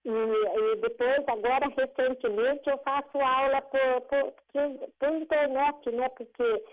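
Brief: woman in her sixties on the phone, high-pitched, thin phone-line sound, explains at length and restarts often. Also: fairly even intonation, measured pace. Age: 60s. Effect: heard over a phone line. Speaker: massage therapist taking a prank call. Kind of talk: casual phone conversation.

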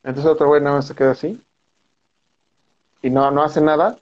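A man's voice: a little high, steady tone, fairly quick, lo-fi sound. A man with a Mexican accent, a film director guest, telling a long anecdote in casual slang and acting out the voices of the people in it. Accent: Mexican Spanish. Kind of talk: animated storytelling anecdote.

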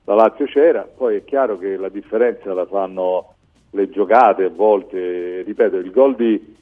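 A man's voice: sits low, measured pace, narrow, tinny audio, soft background music. A man giving discursive, explanatory football commentary as a pundit on a live radio talk show.

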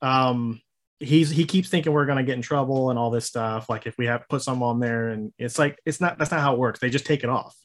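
A man talking casually as an interview guest, halting and rambling, with frequent chuckles. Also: medium pitch. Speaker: interview guest, maker of a horror host show.

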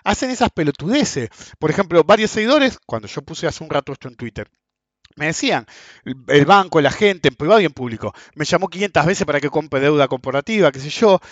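A man's voice: a little high, lively intonation, a little fast, dry recording. A man in his forties with an Argentine accent, ranting bluntly and sarcastically to his followers about markets, with plenty of swearing. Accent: Argentine Rioplatense Spanish. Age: 40s. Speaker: finance commentator. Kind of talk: casual rant to followers. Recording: dull, dry, lo-fi sound.

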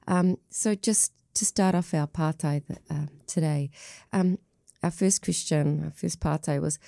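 A woman hosting an interview, speaking gently and softly, with a falling tone. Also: low-pitched, gravelly, dry recording, clean studio sound. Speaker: host.

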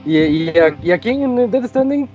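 High-voiced Mexican man chatting about games. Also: animated, moderate pace, lo-fi sound, over music. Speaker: video game podcast panelist. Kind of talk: casual chat about video games.

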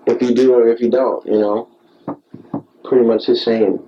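A man's voice: mid-range voice, little pitch movement, moderate pace, a little hiss or hum. A man recorded on a tape recorder like a dictaphone, rambling alone late at night in a digressive, repetitive, self-mocking way. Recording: dull home tape recorder.

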